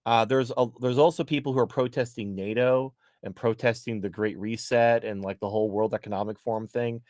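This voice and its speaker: A man's voice: medium pitch, fairly even intonation, brisk, a little mellow, dry recording, studio quality. A man as a podcast guest, ranting bluntly in casual political chat, swearing often and restarting his sentences.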